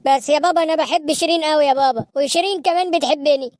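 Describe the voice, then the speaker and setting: A woman's voice: high-pitched, rapid-fire, darkish tone, lightly acted. A woman voicing a stubborn young man in a cartoon, pleading and insisting with an Egyptian Arabic accent. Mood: insistent.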